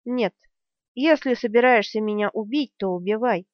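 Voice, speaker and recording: A woman reading the part of a stubborn, calm young male hero in an audiobook, steady and earnest. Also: on the high side, moderate pace, no echo, close to an everyday voice. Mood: earnest resolve. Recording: dry, slightly dull studio sound.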